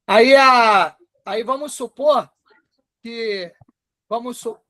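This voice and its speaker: A man with a Brazilian Portuguese accent teaching a live online class in a chatty way, often dictating slowly word by word. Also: very high-pitched, sharp tone, no room sound. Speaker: instructor.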